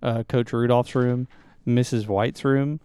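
A man, a teacher who edits the podcast, talking softly and hesitantly in a casual chat. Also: mid-range voice, steady tone, slow, smooth. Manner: soft-spoken, hesitant.

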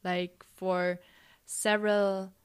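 A woman's voice: mid-range voice, level tone, extremely slow, clear, resonant tone. A young woman from Germany speaking English as a second language, answering interview questions hesitantly with many fillers. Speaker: interview guest. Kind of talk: casual interview.

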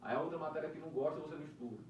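A podcast co-host with a high voice talks very fast, chatting casually about exam prep and telling animated stories loaded with swearing. The recording sounds roomy, with a distant mic and faint noise.

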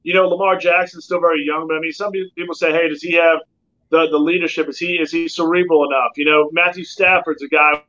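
A man's voice: fairly high pitch, flat delivery, fast, bright, forceful tone. A man rambling in casual sports chat, often restarting with "I mean", over a video call that keeps breaking up. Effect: choppy video-call connection breaking up. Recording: dull lo-fi video call audio.

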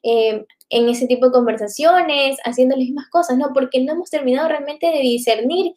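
A woman's voice: sits high, a little fast, a little mellow. A woman giving a reflective live faith talk to viewers, often tagging her sentences with "¿no?". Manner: reflective, many filler tags like "¿no?".

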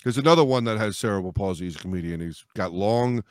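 Animated, sweary man in casual banter. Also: lowish voice, fast talker, no room sound, clean studio sound. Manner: sweary, excitable, repeats phrases. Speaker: podcast co-host.

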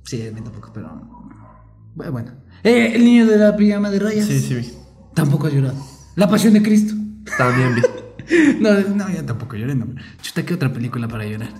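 A man's voice: fairly high pitch, sing-song, fairly quick, a little mellow, slight background noise. A young man, chatting casually with friends as a podcast co-host, joking and rambling in slangy speech. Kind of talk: casual chat among friends. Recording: roomy echoey room.

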